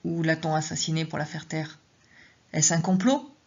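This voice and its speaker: A woman author reading her own story aloud in the first person, with measured, tense narration. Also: deep voice, a little mellow, husky, highs cut off.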